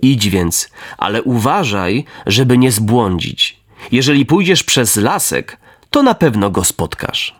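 A man voicing a kind, gentle fairy woman in a storybook reading. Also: medium pitch, big pitch swings, slow.

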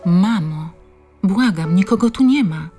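A woman's voice: on the low side, expressive, unhurried, mellow, slightly rough, soft background music. A woman voicing a frightened adult daughter in an audiobook, speaking anxiously and pleadingly.

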